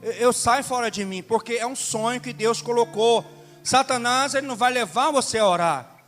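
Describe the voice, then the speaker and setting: Male pastor, high-pitched and impassioned, repetitive emphatic sermon delivery; echoing church hall, faint music underneath. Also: moderate pace, a bit bright.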